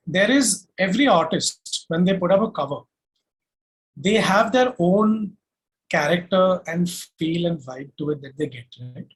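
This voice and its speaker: Heard on a low-quality recording, a man with a fairly high pitch and an Indian accent appears as a guest singer-songwriter and music producer. He responds to interview questions with emphatic self-assurance, laying things out methodically, one point at a time.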